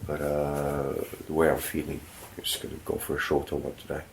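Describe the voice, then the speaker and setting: A motorcycle travel vlogger with a blocked nose talks casually to camera, sounding tired and laid-back and using lots of fillers. His bass voice is gravelly and monotone, fairly quick, with slight background noise.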